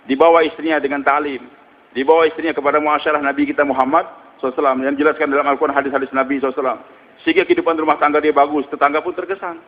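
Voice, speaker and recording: A man's voice: a little high, little pitch movement, rapid-fire. A man preaching a sermon. He tells stories, asks rhetorical questions and adds murmured "hmm" tags. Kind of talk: religious sermon. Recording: muffled with long hall reverb.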